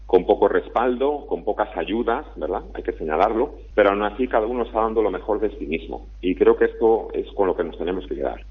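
A man speaks as a guest in a radio interview, phoning in. His voice is deep and husky, and the tinny phone line thins it. His answers are earnest and flow like a prepared speech. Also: animated, a little fast, few pauses.

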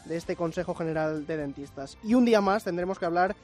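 High-voiced Spanish male news reporter. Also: brisk, a little mellow, faint music behind. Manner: clear, factual news delivery. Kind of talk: radio news briefing. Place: radio studio.

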